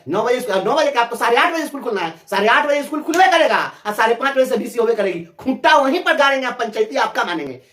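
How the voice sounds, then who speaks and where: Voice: medium pitch, a bit bright, roomy sound. A teachers' representative from Bihar with a Bihari Hindi accent, giving a fiery, sarcastic interview answer and repeating phrases for emphasis.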